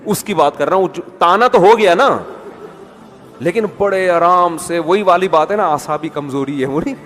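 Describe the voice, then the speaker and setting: Brief: a male preacher with a fairly high voice, chatty and questioning, in a reverberant hall with faint music. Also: a bit bright. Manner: conversational, rhetorical questions, mimics people. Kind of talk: sermon.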